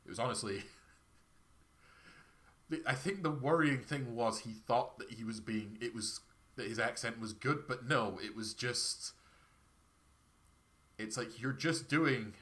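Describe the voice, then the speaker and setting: While streaming a game, a Perthshire-accented man from Scotland chats and rambles, self-deprecating, his throat scratchy with a cold. He takes it slowly and pauses often, his medium-pitched voice a bit bright.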